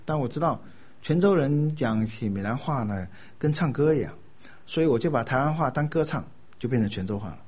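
An older man from Taiwan, giving a sermon with animated storytelling and laughing at his own jokes. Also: mid-range voice, fairly quick, breathy edge.

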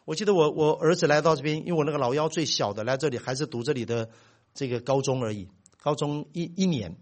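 A middle-aged man preaching a sermon as pastor, telling stories with big swings in loudness. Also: on the high side, fast talker.

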